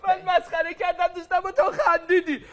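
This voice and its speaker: A man's voice: extremely high pitch, flat delivery, a bit bright. An actor voicing a mischievous inflatable puppet strongman on a children's TV show, who teases, giggles and chants playful rhymes. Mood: cheeky.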